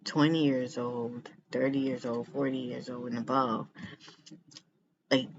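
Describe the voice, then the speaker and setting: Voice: medium pitch, flat delivery, measured pace. A vlogger chatting casually to the camera in a rambling way, repeating phrases for emphasis. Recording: muffled lo-fi sound with background noise.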